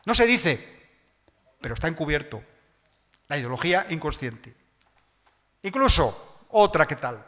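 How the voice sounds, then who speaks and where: A man's voice: a little high, very animated, a little slow, pauses often, sharp tone. A man giving a public lecture, explaining points to his audience in a didactic way. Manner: didactic, addresses audience directly. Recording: long reverb of a lecture hall.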